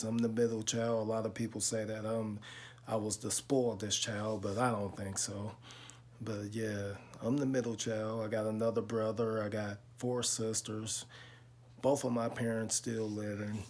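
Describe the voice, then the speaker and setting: A man, talking slowly and reflectively to his viewers in a casual vlog, with lots of pauses and fillers. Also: fairly low pitch, creaky, a little mellow. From Chicago. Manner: slow, reflective storytelling with many pauses and fillers. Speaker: car vlogger. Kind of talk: casual talk to camera.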